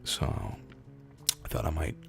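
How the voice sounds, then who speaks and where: With music in the background, a hoarse narrator gives a slow, low, dramatic reading of short stories taken from internet posts. Days of screaming have left his voice raspy, rumbly and gravelly with fry, and he draws out his words with pauses.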